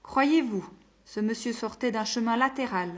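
A woman voicing a jovial, talkative northern man in a hospital bed, asking nosy questions in a raised, brighter voice. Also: normal speed, lightly acted. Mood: chatty. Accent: northern English (voiced). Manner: chatty, nosy, louder and higher than narration. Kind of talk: audiobook character voice.

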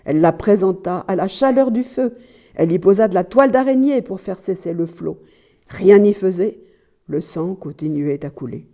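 Mellow-voiced woman reading a tale. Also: mid-range voice. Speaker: reader.

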